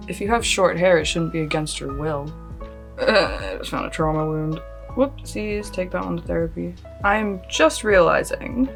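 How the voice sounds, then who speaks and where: With a fairly low pitch, an Australian woman in her late thirties walks viewers through a casual makeup tutorial. Her accent leans Californian, but some Australian still comes through. A beauty vlogger filming at home under a close lamp, she rambles, jokes at her own expense, and laughs often.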